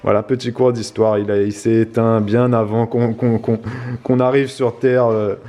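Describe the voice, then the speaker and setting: A man from La Réunion talks with a Réunion Creole accent as he unboxes a parcel for his vlog. He rambles casually and keeps dropping little fillers between thoughts. His voice sits at an ordinary middle pitch. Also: level tone, normal speed, dark tone. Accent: Réunion Creole French. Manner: rambling, full of fillers like "voilà" and "hein". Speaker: vlog host.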